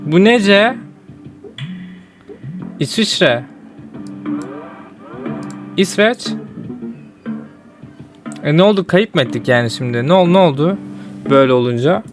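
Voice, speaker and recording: A man's voice: on the high side, expressive, measured pace, long pauses, faint music behind. A young man giving casual commentary while playing a geography game, often exasperated and breaking into outbursts. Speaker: gaming streamer.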